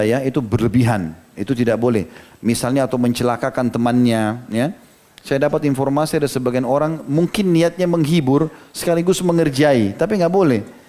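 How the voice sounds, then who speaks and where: A mellow, medium-pitched man from Indonesia preaches as an Islamic preacher, telling stories and explaining quotes in simple everyday language. Casual asides like "ya" and "gitu" come up often in his conversational style.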